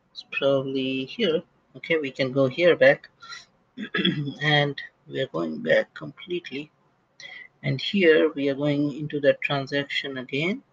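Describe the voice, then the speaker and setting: A man giving a casual screen-recorded software tutorial as an instructor, thinking aloud with frequent restarts and fillers. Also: on the high side, lo-fi sound. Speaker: SAP instructor.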